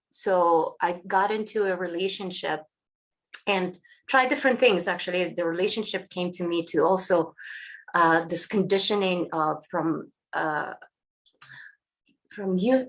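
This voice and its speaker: Interview guest: Eastern European woman, lowish fry-heavy voice, candid and halting, voice fading. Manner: frank, halting, many restarts. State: losing her voice, clearing throat. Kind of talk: candid personal storytelling.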